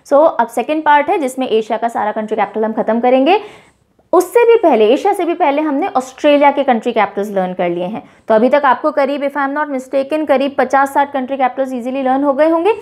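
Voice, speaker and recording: A young woman teaching with playful, animated little stories and mnemonic tricks, mixing Hindi and English. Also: high-pitched, brisk. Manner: playful, animated storytelling with mini scenes.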